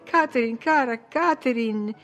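A woman reader voicing a gentle young gentleman in an audiobook, speaking in a wounded, pleading way. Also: fairly high pitch, lively intonation, moderate pace, dull audio, soft background music, voice pushed up, lightly acted. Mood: shocked. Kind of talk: audiobook character voice.

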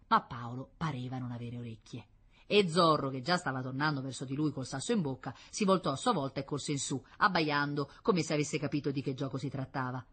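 A woman narrates an audiobook in a steady storytelling manner. Her voice sits low and has a husky, breathy grain. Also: a little fast.

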